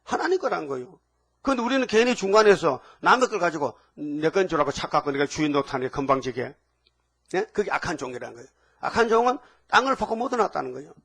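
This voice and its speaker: A man delivers a fervent sermon in a somewhat high voice. He keeps prodding his listeners with quick questions. He steps into biblical speech as he goes. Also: lively intonation, creaky, fairly bright tone, breathy edge. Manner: acts out biblical quotes. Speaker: preacher.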